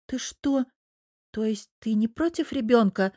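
A young pregnant wife, quick to flare up and just as quick to soften. A woman reads her in an audiobook, keeping her own voice with a little lift. The sound is dry and close. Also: a little high, no room sound, voice pushed up. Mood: anxious. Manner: lively and quick-tempered. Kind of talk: audiobook character voice.

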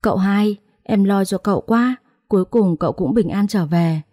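A woman's voice: medium pitch, moderate pace, warm tone, no room sound, studio quality, natural voice. Woman voicing a tearful young woman. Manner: tearful, pleading.

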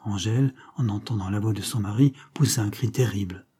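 A man's voice: fairly low pitch, brisk, warm tone, breathy edge. A man narrating an audiobook as a dramatic scripted reading.

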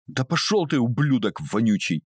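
A man's voice: low-pitched, animated, moderate pace, a bit bright, no room sound, studio quality. A man voicing a furious, defiant young woman held captive, who shrieks and hisses her threats. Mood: furious screaming. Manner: shrieking, hysterical.

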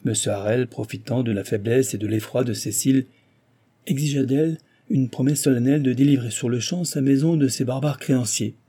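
A man narrating a classic novel in a measured, steady reading voice. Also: mid-range voice, husky. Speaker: audiobook narrator.

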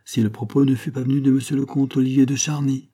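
A proud, scornful queen, sharp and quick to take offence, as a male storyteller puts her on with a raised voice. The tone stays mellow and soft-edged, and the delivery is dignified and cutting. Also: a little high, expressive, breathy edge, pitched above the performer's own voice. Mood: disdainful. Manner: disdainful, sharp retorts. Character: proud haughty queen, woman, quick to anger.

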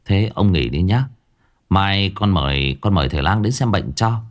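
A man's voice: deep voice, animated, normal speed. A man voicing an anxious young male household servant who stammers and pleads with his master. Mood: worried.

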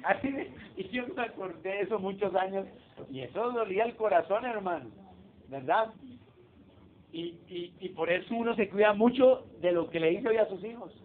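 High-voiced pastor on a tinny recording. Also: male voice, moderate pace. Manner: conversational preaching, rhetorical questions to the congregation. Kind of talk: sermon. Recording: tinny phone-like recording with faint noise.

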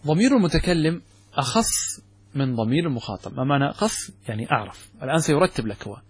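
A man teaching Arabic grammar from a classical text, with a Gulf Arabic accent, asking and answering his own questions and saying example words slowly with stress. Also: mid-range voice, expressive, husky. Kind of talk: explaining a grammar text in a lesson.

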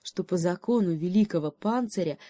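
A woman narrating a children's fairy tale in an even storytelling manner. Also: on the low side, brisk, dry recording.

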